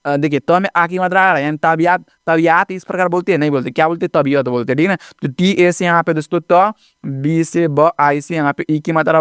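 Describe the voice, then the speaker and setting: A man's voice: on the high side, clear, resonant tone, no room sound, clean studio sound. A man teaching a video lesson in speech, often repeating himself and checking in with his students. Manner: repetitive, keeps checking in with the audience.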